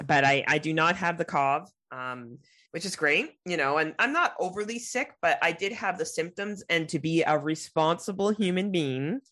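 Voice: medium pitch, moderate pace, bright, forceful tone, dry recording. A podcast co-host chatting casually and jokingly, with a nasal voice stuffed up by a cold. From Canada. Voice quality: nasal, congested voice. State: has a cold.

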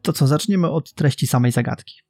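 Gravelly-voiced man discussing a book. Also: a little high, a little mellow, faint music behind. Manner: measured, explanatory. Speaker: podcast co-host. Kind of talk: book discussion podcast with readings.

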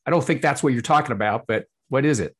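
A podcast host interviews a guest over a video call, his tone easygoing and tentative as he keeps starting his sentences over. His voice sits in the middle range, slightly rough, and he talks quickly.

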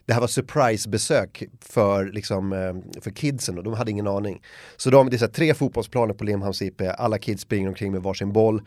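A man chatting casually on a podcast, telling an animated anecdote and acting out the shouts and quotes of the people in it. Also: fairly low pitch, no echo, clean studio sound. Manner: lively anecdote teller, acts out shouts and quotes. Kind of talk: casual chat, animated storytelling.

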